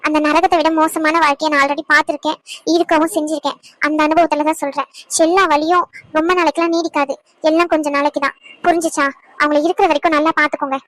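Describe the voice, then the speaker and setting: A caring young heroine in a cartoon, voiced by a woman with a very high voice. She talks quickly, soothing and urging. The sound is dry and close. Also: little pitch movement, a bit bright, dry recording. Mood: comforting.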